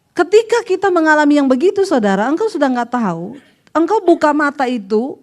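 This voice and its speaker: High-voiced woman pastor preaching animatedly. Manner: animated storytelling, acts out callers' voices. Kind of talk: sermon.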